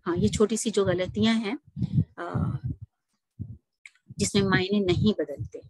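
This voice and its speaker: A woman teaching an online recitation class over a video call, explaining patiently and slowing down to recite examples. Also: mid-range voice, steady tone, a little mellow, dry recording, low-quality recording.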